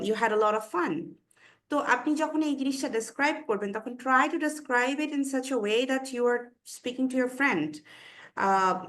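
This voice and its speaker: A woman with a Bangladeshi accent teaching an online webinar lesson, mixing Bengali with English phrases and pausing on fillers. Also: fairly high pitch, a bit bright. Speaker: IELTS speaking instructor.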